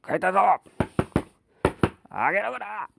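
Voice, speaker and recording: A man voicing a drunken, violent father who bellows rough threats in a storytelling performance. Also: high voice, big pitch swings, measured pace, heavy background noise, voice pushed up, full character voice. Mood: raging.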